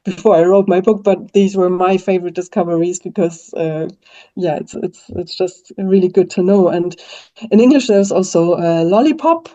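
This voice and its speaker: Answering an interviewer, a female linguist who speaks German and has a German accent thinks aloud, full of fillers and false starts. Her pitch is fairly low and her tone mellow, captured on a dull, lo-fi recording.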